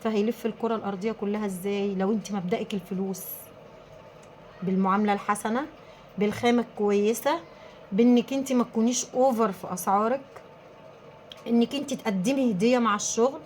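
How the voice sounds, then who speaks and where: An Egyptian woman who runs a small business, giving emphatic, animated advice straight to her viewers. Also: medium pitch, fast talker, long pauses, slight background noise.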